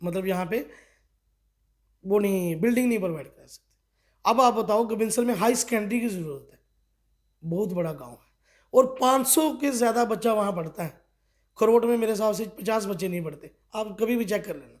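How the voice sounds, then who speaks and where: Middle-aged man from Kathua, a party official in a local news interview; high voice, forceful, fond of rhetorical questions. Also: moderate pace, long pauses. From Kathua, Jammu and Kashmir.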